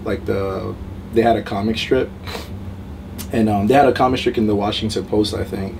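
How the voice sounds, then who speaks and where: Young male rapper from Cameroon, low voice, relaxed rambling, distant mic, faint noise. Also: moderate pace, gravelly. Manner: relaxed, rambling, many fillers. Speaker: rapper guest. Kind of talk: casual interview.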